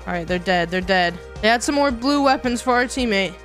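A woman giving excited gameplay commentary in a hyped, slangy gamer-bro manner. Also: mid-range voice, a little fast, faint music behind. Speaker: gamer, video host.

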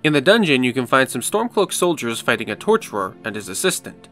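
Man, game walkthrough narrator, casual commentary, animated pitch, soft music behind. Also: a little fast.

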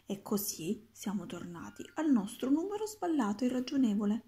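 A woman teacher reading a storybook aloud to pupils, with steady, expressive narration. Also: a little high, normal speed.

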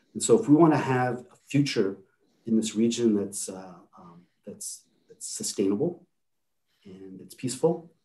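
Halting man presenting on a video call. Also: lowish voice, warm tone. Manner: halting, many repeated words and fillers. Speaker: panel speaker.

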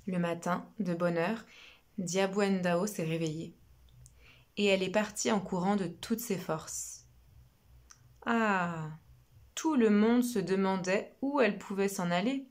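Slow, expressive woman storyteller. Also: lowish voice. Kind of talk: children's story reading.

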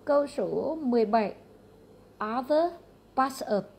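A Vietnamese-accented woman, an English teacher, moves briskly through exam answers one question at a time in a matter-of-fact, repetitive way. Her voice is high-pitched and expressive, creaky and husky, yet a little mellow.

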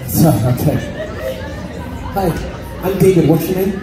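High-pitched male stage hypnotist on echoey PA. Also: a little slow. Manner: repetitive, suggestive commands to volunteers. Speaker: stage hypnotist and show host. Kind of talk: live stage hypnosis show patter. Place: covered open-sided fairground stage. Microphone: handheld mic through PA speakers. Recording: echoey PA filmed from the audience. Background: loud music and crowd chatter.

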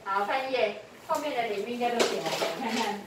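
A woman's voice: a little high, animated, fast talker. Woman teaching in an echoey classroom. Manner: patient, repeats prompts and quizzes pupils. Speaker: English teacher. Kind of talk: classroom tutoring. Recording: echoey room from far off, faint noise.

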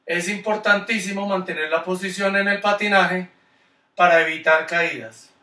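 A man's voice: sits high, fairly even intonation, moderate pace, pushed and bright, reverberant, distant mic. Encouraging Colombian skating coach, man. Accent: Colombian Spanish. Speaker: skating instructor. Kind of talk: online kids' class.

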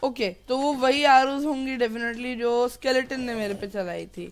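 A man's voice: very high-pitched, fairly even intonation, normal speed, slight background noise. A man giving casual gameplay commentary, chatty and apologetic, mixing English words into his talk. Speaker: gameplay youtuber.

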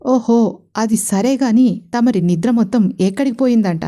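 A woman's voice: on the high side, moderate pace, mellow, natural voice. A woman reading a shy, polite young wife. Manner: polite, hesitant and pleading.

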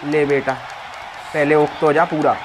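A man's voice: a little high, little pitch movement, a little slow. A man giving casual, rowdy commentary on a wrestling video game, mocking the wrestlers and the referee as he plays. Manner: rowdy trash-talking, mocks the figures on screen. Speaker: gameplay commentator. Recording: game crowd roar and game noise behind. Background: wrestling game crowd and sound effects.

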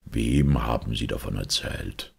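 A man voicing a calm, cutting male detective who speaks slowly and in a low, menacing tone. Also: vocal fry, slightly rough, full character voice. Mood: coolly menacing.

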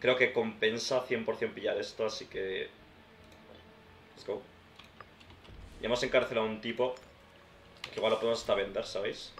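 A man's voice: on the low side, steady tone, normal speed, long pauses. A man from giving casual let's-play commentary, thinking aloud and talking to his viewers like friends. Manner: chatty, thinks aloud, addresses viewers as "tío" and "hermanos". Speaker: gaming YouTuber. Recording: roomy sound with faint background noise.

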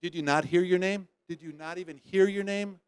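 A man's voice: high-pitched, a little fast, clear, resonant tone, dry recording. A man hosting a prize giveaway at a trade show lounge, teasing winners and joking in a playful emcee patter. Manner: teasing, playful, loud bursts of excitement. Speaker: host drawing prize winners.

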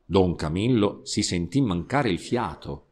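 A middle-aged man reads a novel aloud in an expressive storytelling manner. His delivery is slow and animated, with lively swings in pitch. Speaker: narrator. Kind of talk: live reading of a novel.

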